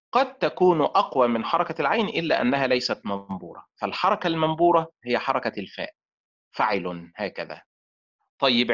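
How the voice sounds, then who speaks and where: A man lectures an online class in a mid-range, slightly bright voice. He talks slowly and deliberately, sounding out syllables and leaving questions half finished for students to complete. The recording is dull and lo-fi.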